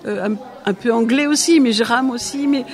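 A woman's voice: fairly high pitch, a little fast, a little mellow. An older woman, a guest on a radio show, chatting freely and laughing lightly. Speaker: association member guest. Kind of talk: casual radio chat.

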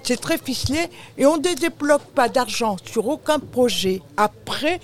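High-pitched and lively in intonation, this French woman talks at a normal speed. She's an aid charity representative giving an unscripted, emphatic explanation as an interview guest, regularly speaking directly to whoever is listening.

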